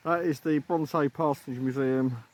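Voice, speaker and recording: Unhurried and steady, a male holiday vlogger's medium-pitched, slightly mellow voice gives casual, matter-of-fact sightseeing narration off the cuff. He records on a handheld phone on location, with clear ambient noise and rain now and then.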